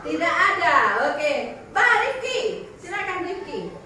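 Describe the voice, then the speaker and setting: A woman teacher with a very high voice leads a class of young pupils, calling on them by name and urging applause. She is picked up from across a boomy classroom, so she sounds distant and echoey over steady noise. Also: measured pace. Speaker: primary school teacher. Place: classroom full of children.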